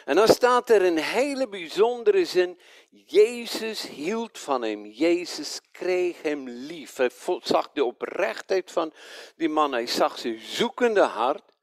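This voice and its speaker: A man's voice: a little high, takes it slowly, no room sound. A man preaching a sermon, asking his listeners rhetorical questions and correcting himself as he goes. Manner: animated, rhetorical questions to the congregation; stumbles over names, self-corrects.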